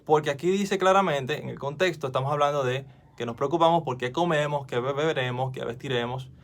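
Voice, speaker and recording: A man's voice: medium pitch, a little fast. A man gives informal Bible teaching straight into his phone, recorded at home. His manner is earnest and conversational. He restarts his sentences and asks viewers questions as he goes. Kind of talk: informal devotional teaching to camera.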